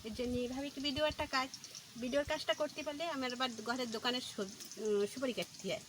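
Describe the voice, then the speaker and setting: A high-voiced woman narrates her cooking at a rapid clip, chatting casually as she works in a home kitchen. Loud frying and sizzling noise sits under her voice throughout. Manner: talks very fast, rushes through. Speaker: home cook vlogger.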